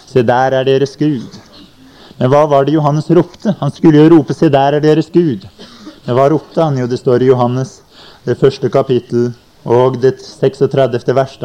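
Guy preaching a sermon, warm mellow voice, old cassette tape sound. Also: medium pitch. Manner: plain teaching tone with scripture quotes and "ikke sant". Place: summer convention meeting. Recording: 1990 cassette recording, uneven quality.

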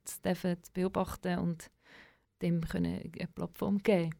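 Creaky-voiced Swiss German woman in casual interview. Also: fairly low pitch, level tone, moderate pace, mellow, no room sound. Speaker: radio presenter as interview guest.

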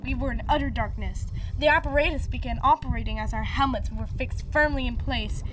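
A woman's voice: high-pitched, a little fast, recorded from a distance, heavy background noise, natural voice. A woman playing an earnest, awestruck professor who narrates a sea voyage in a dramatic, wondering radio theatre style.

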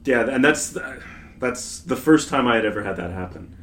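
A man in casual podcast chat, talking in a relaxed, hesitant way with many yeahs and likes. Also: mid-range voice, normal speed, a little hiss or hum. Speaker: writer, guest.

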